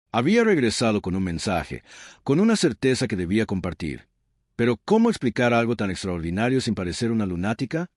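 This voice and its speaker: A man's voice: fairly low pitch, no echo, clean studio sound. A man narrating a dramatic story in a suspenseful, scripted storytelling way.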